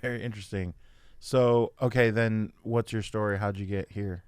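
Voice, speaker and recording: A man's voice: fairly low pitch, fairly even intonation, normal speed, a little mellow, clear, resonant tone, no echo, clean studio sound. A man hosting a podcast, asking rambling questions and laughing easily. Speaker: podcast host. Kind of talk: casual interview chat.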